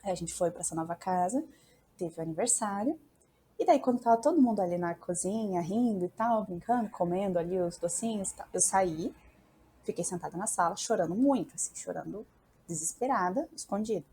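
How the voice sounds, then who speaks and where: A woman's voice: mid-range voice, expressive, fairly quick, dark tone, slight background noise. A woman, a psychologist guest on a podcast, candidly telling a personal story and quoting what she and her family said. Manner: candid, quotes her younger self and family.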